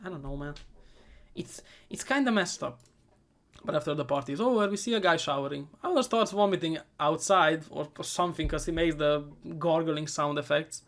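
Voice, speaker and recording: A man giving a comedic movie recap, sarcastic and profane, rambling and often trailing off into quieter asides. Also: a little high, brisk. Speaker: movie reviewer.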